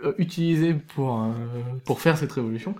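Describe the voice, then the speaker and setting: A man's voice: a little high, a little fast, a little mellow. A man with a slightly raised voice sums up a film for friends, throwing in jokes and stumbling over his words with many fillers. The tone is loose and casual, like a chat between regulars. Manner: joking, hesitant, many fillers. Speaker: film reviewer on a panel.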